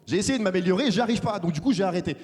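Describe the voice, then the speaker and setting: A young man from France doing a lively stand-up comedy set, acting out characters in a big theater. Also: sits high, rapid-fire. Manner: animated, acts out characters. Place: large theater stage with audience. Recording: live hall reverb.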